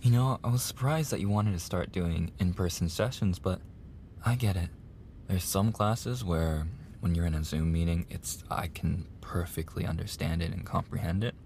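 Here a roleplay artist performs an intimate ASMR piece as a male college tutor. The voice is low, soft and heavily creaky, slow-paced with hesitant, flirtatious pauses and occasional whispers, and the feeling is casual and friendly with faint noise in the background.

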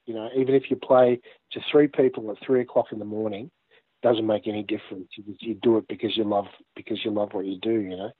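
A man being interviewed over a remote call, chatting casually and reflectively in a halting way with many filler phrases. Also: on the low side, little pitch movement, dry recording, narrow, tinny audio. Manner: halting, repeats "you know". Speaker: interview guest, musician.

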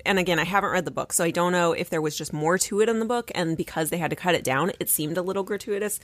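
A woman's voice: lowish voice, fast talker, no echo. A woman co-hosting a podcast, chatting casually and giving blunt opinions about TV shows. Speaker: podcast co-host. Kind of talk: casual chat.

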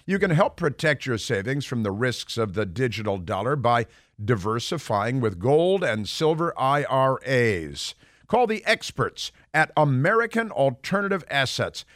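A man reading a fast legal disclaimer in a rapid, flat run of fine print. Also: medium pitch, no room sound, studio quality.

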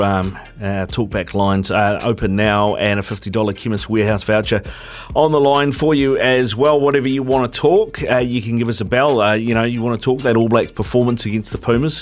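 A New Zealand man hosting sports talkback, chatting casually and colloquially in a matey way on a studio mic. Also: medium pitch. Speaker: sports talkback radio host. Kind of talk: casual live radio chat. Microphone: radio studio mic.

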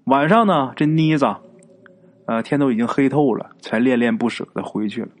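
A man narrates a ghost story as if chatting, with frequent filler particles and little asides. His voice sits at an ordinary middle pitch. The telling is loose and conversational rather than read from a script. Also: normal speed.

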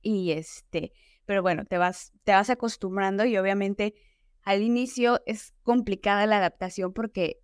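A woman's voice: medium pitch, normal speed, clear, resonant tone, dry recording. A woman from Mexico with a Mexican accent, a podcast guest talking at length in a casual, chatty way with anecdotes.

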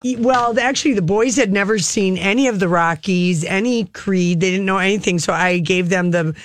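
A woman's voice: mid-range voice, brisk, soft background music. A woman hosting a talk show, chatting casually and passing on entertainment news.

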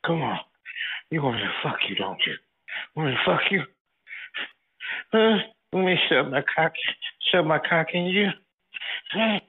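Taunting prank caller, man on a landline phone, lively swooping pitch, husky tone. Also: normal speed, long pauses. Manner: taunting, pushy. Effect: heard over a landline phone. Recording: tinny landline phone line.

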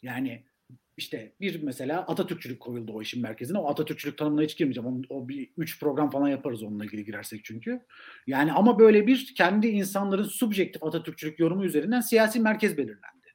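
A man's voice: fairly high pitch, animated, racing, a little mellow. A man speaking as an academic guest in a political discussion, making points emphatically with rhetorical repetition. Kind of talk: political discussion on a live stream.

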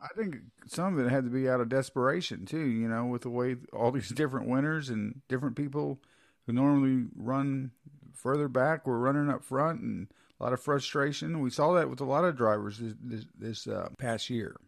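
A man's voice: mid-range voice, normal speed, vocal fry, no room sound, studio quality. A man co-hosting a casual talk show, easygoing and fond of folksy phrases. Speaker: podcast co-host. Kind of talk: casual chat.

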